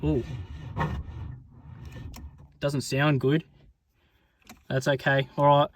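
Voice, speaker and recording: Aussie bloke, highish voice, slangy car vlog chat. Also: male voice, little pitch movement, drawn-out words, noisy background. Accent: Australian. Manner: laid-back Aussie slang, sweary and blokey. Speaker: car build vlogger. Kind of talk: casual vlog chat while working on a car.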